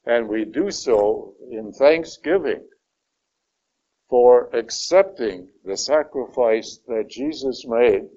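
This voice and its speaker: A man teaching a Bible study lesson, slow and deliberate, stressing key words. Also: mid-range voice, lively intonation, dark tone. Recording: dull lo-fi recording.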